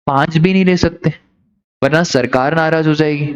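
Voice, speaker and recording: A man with a fairly high voice teaches a classroom lecture, teasing students and acting out little stories. The recording sounds dull and lo-fi. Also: moderate pace, clean tone. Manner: lively, teasing, acts out characters in stories.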